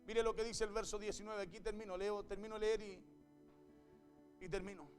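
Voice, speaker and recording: A man preaching a sermon and reading scripture aloud. He speaks with fervor, repeats his phrases and breaks in with a quick "hey". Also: sits high, level tone, soft background music.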